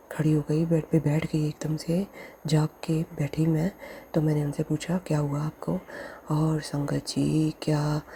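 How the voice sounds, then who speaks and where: Low, flat-voiced woman devotee. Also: slight background noise. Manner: soft, halting, often addresses listeners as sangat ji. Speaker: devotee sharing a testimony. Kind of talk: devotional testimony.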